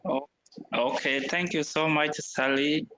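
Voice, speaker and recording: A man's voice: on the high side, fairly even intonation, slow, bright, forceful tone, a little hiss or hum. A young man from Uganda, talking as a guest over a video call from a veranda, hesitant and often restarting. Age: young adult. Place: veranda outdoors.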